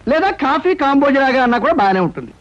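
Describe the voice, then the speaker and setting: An actor playing a scheming male palmist who flatters with a sing-song manner and fires back quick retorts. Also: very high voice, no echo. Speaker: palm reader. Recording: dull lo-fi film audio.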